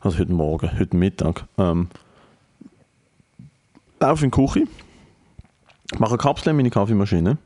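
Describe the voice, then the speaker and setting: Teasing Swiss German man, low voice. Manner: teasing, animated, quick to exaggerate. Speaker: podcast co-host. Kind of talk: casual banter.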